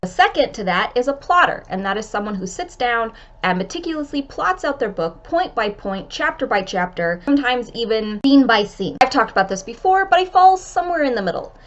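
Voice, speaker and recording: A woman's voice: on the high side, big pitch swings, brisk, few pauses, highs cut off. A woman author giving writing advice in a vlog-style tutorial, talking friendly and straight to camera while stuffed up with a scratchy throat from illness.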